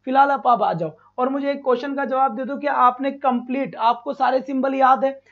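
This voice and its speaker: Man teaching a live online class, fairly high voice, slow repeated drilling, dull lo-fi stream. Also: steady tone. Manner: calls students "beta", repeats and drills sounds slowly. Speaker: English teacher for exam prep.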